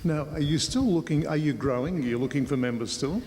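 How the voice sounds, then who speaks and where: An Australian television reporter conducts an on-location interview in a large indoor space. His voice is a little high, brisk and slightly mellow, and the echoey hall carries clear background noise.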